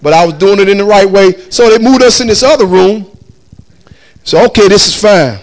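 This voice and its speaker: A fairly quick, high-voiced man spins a casual story with lots of energy, imitating the people he quotes and breaking into laughter often.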